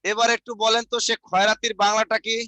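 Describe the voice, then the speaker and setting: Bright-voiced man with Barishal accent. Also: sits high, flat delivery, fast talker, no echo. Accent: Barishal Bengali. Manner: repetitive dictation, chatty asides. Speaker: teacher. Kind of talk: online exam-prep lecture.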